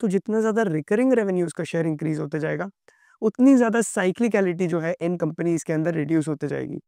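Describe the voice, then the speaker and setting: A man's voice: a little high, fast, gravelly, mellow, dry recording, clean studio sound. A young man with a sore throat explaining company finances to viewers in a conversational way, talking to them directly. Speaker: stock market educator.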